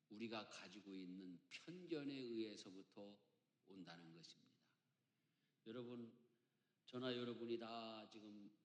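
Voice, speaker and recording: A man in his fifties from Chungcheong, Korea, preaching a sermon as senior pastor, jumping between loud emphatic lines and quiet asides, with folksy jokes. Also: on the low side. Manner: emphatic preacher with big swings between loud and soft, joking. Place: church sanctuary. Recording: echoey church hall.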